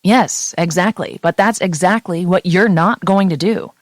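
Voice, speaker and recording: A woman's voice: lowish voice, unhurried, dry recording, studio quality, close to an everyday voice. A woman reading an audiobook, voicing a blunt, foul-mouthed young woman who is the heroine's best friend. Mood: encouraging. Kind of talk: audiobook character voice.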